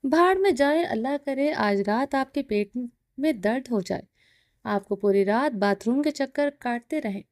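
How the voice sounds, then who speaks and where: Storybook: woman reading a sharp-tongued young wife, high and warm. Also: expressive, no echo, clean studio sound. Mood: indignant. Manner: indignant, quick retorts.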